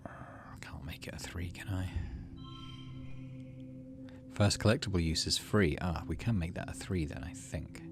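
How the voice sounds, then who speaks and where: Whispering over music, a man hosting a gaming video reads the game's narration aloud and murmurs his casual thoughts as he plays. His voice is low and a little slow, broken by long pauses.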